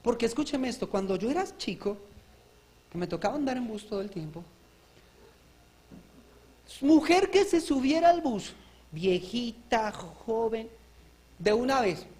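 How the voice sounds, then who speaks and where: High-voiced man preaching fervently. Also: big pitch swings, a little slow, long pauses. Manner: fervent preaching with shouted exhortations and joking asides. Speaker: pastor. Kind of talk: live church sermon. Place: church service.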